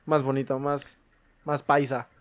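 A man's voice: medium pitch, little pitch movement, a little slow, crowd noise. A young man with a Mexican accent, joking and laughing often in a casual chat, swearing freely. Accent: Mexican Spanish. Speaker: podcast co-host.

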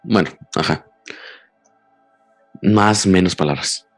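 A teenage boy with a Mexican Spanish accent, co-hosting a podcast in casual, argumentative banter, swearing a lot as his voice jumps high when heated. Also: takes it slowly, no echo, soft background music. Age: teens. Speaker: podcast co-host.

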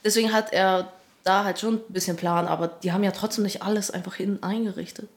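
A young woman, co-hosting a casual podcast and talking in a relaxed, slangy way. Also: mid-range voice, fast. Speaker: podcast co-host. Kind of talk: casual chat.

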